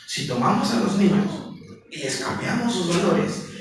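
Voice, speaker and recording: A man preaching a lively sermon as pastor, acting out questions and answers and putting questions to his congregation. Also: high-pitched, normal speed, background noise. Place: church. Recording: echoey church hall, mic at a distance.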